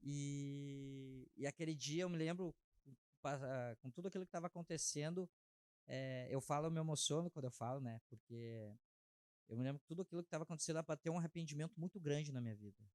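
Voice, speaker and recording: A man, sharing his personal testimony as an interview guest in a heartfelt, halting way. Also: on the high side, darkish tone, clear, resonant tone, dry recording. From Brazil. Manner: heartfelt, halting, frequent filler tags.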